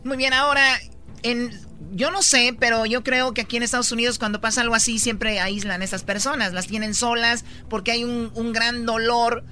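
A man's voice: very high-pitched, little pitch movement, moderate pace, sharp tone. A man hosting a Spanish-language radio talk show from the United States, leading the discussion in a conversational way. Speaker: radio host.

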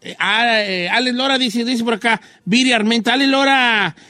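A man with a Mexican accent chatting casually and joking while reading out comments, often mimicking singers' shouts. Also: very high-pitched, moderate pace, no echo, soft background music. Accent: Mexican Spanish. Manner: jokey, imitates singers' shouts. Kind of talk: casual chat.

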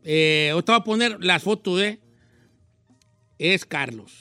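Playful Mexican male radio host, high bright voice, dry booth sound, teases guests nonstop. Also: dry recording, faint music behind. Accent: Mexican (Guadalajara). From Guadalajara, Mexico. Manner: teasing, playful, quick to joke. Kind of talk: joking radio talk show banter.

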